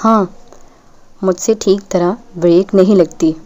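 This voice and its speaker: A woman's voice: mid-range voice, fairly even intonation, darkish tone, muffled recording, close to an everyday voice. Pascal, a woman doing a sulky young woman. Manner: blunt, sulky.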